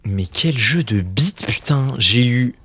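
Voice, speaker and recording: A man's voice: medium pitch, animated, takes it slowly, a bit bright, breathy edge. A man in his thirties streaming a game, exasperated and swearing often, now and then dropping to a muttered whisper. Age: 30s. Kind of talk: casual gameplay commentary.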